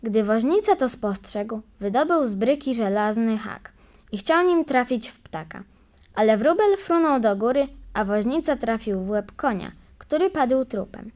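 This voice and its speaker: A woman reading a folk tale aloud as an audiobook narrator, measured and expressive. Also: fairly high pitch. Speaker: audiobook reader. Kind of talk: storytelling narration.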